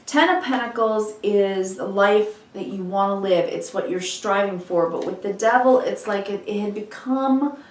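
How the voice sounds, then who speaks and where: A woman's voice: medium pitch, moderate pace. A woman giving an unscripted mystical horoscope tarot reading, earnest and reassuring, speaking directly to the listener, with a slightly froggy throat. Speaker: tarot reader. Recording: roomy echo, distant microphone.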